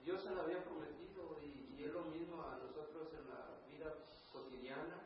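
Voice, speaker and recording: A man's voice: on the high side, normal speed, lo-fi sound. A man in the congregation offering a hesitant comment in a Bible study, thinking aloud with fillers. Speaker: congregation member. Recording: distant, echoey room with background noise.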